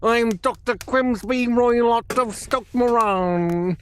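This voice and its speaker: A man's voice: extremely high pitch, slow, slight background noise. A man playing a blustering, menacing doctor villain in a live comic radio play, bellicose, accusing and overblown. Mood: furious. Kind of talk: live comic cold-read of 1940s radio drama.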